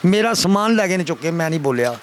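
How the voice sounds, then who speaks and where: In a somewhat high voice with lively intonation, an older Pakistani Punjabi-accented man speaks quickly to a reporter about his complaint as a father. He pleads, goes over the same points again, and frequently calls the listener sir. There's slight background noise.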